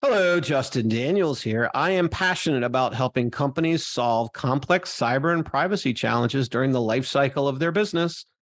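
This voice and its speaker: Man, podcast co-host, radio DJ announcer style, scripted introduction, medium pitch, dry recording. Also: animated, moderate pace, few pauses, no echo. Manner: announcer-like late-night radio DJ delivery. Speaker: podcast co-host, cybersecurity adviser.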